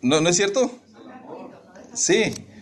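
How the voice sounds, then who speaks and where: A man's voice: high voice, animated, slow. A man preaching a sermon, joking with the congregation and asking them questions.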